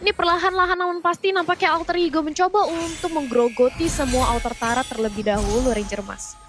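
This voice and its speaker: An extremely high-pitched Indonesian female voice delivers live esports commentary. She follows the match action as a caster. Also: steady tone, fast talker.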